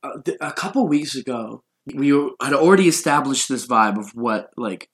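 A young man in casual podcast chat, telling a long story in loose, rambling sentences. His voice sits at an ordinary mid pitch, and he laughs easily as he goes. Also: lively intonation, normal speed, a bit bright. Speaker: podcast host.

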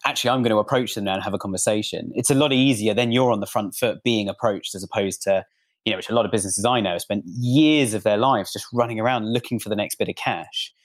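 A man's voice: lowish voice, fast. A man hosting a podcast, chatting casually and drawing on his own business. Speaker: podcast host.

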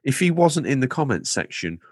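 A man with a medium-pitched, sing-song voice and a slightly breathy edge hosts a casual podcast, talking a little fast. He reads listener comments with playful, meandering asides and theatrical emphasis, on a dry studio-quality recording.

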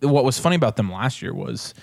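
A man's voice: medium pitch, very animated, fairly quick, creaky, a little mellow, no room sound, clean studio sound. Young man joking on a podcast. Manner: joking, rambling, teasing. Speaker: podcast co-host. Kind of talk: casual chat.

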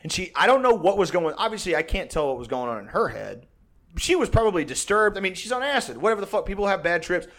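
A man's voice: high voice, big pitch swings, fast, a bit bright. A young man telling a story in a casual, profane, rambling way, full of fillers and restarts and laughing often.

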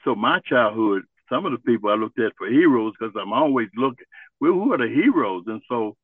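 An older man from Ohio, a Vietnam veteran, telling his life story in an interview in an earnest, halting way. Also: medium pitch, animated, slightly rough, dry recording. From Ohio, USA. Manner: earnest, halting, searching for words. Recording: tinny phone-like line.

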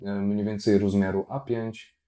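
A man hosting a casual talk show, explaining his points in a calm, measured way. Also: lowish voice. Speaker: podcast host. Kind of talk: casual chat.

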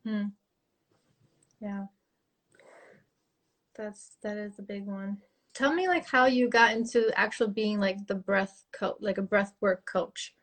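A woman hosts a relaxed interview, asking easygoing questions full of "like". She keeps the guest talking with frequent short encouraging sounds. Her voice sits at a middle pitch for a woman. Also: slow, long pauses. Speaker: interviewer, host. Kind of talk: casual interview conversation.

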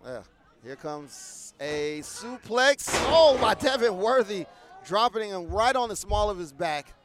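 High-voiced excitable male wrestling announcer. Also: a crowd in the background. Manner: rapid play-by-play that bursts loud on big moves. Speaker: play-by-play wrestling commentator. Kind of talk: live wrestling commentary.

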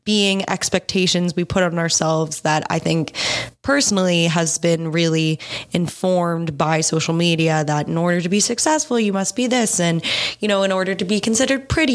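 A young woman hosting a podcast in casual, chatty speech full of "like", with vocal fry in her voice. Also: fairly low pitch, moderate pace. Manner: chatty, peppered with "like". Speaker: podcast host.

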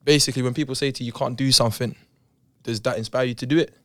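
Young male podcast guest, London roadman accent, medium pitch, slangy and joking. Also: fairly even intonation, very fast, a bit bright, dry recording. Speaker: guest, footballer. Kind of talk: casual group podcast chat.

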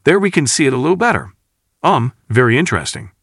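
A man reading as a calm, measured scientist. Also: mid-range voice, gravelly, slightly rough, no echo, clean studio sound, voice pushed up, full character voice. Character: calm male station chief scientist. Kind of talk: audiobook character reading.

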